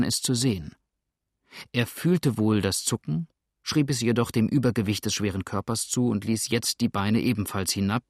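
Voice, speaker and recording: A man narrating an adventure novel in a steady, measured reading voice. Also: lowish voice, no room sound, clean studio sound. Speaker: audiobook narrator. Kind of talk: scripted narration.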